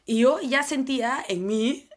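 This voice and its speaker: A woman's voice: sits high, measured pace. A young woman with a Peruvian Spanish accent, a podcast co-host telling a personal story in a rambling, slangy way full of fillers. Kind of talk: casual storytelling chat.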